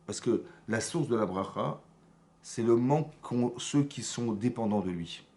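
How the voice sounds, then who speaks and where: A male rabbi teaches a lesson in a synagogue, speaking at an even mid-range pitch. He stresses his points insistently and keeps checking that his audience follows him. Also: unhurried. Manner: animated, repetitive teaching with checks for understanding. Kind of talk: Torah lesson.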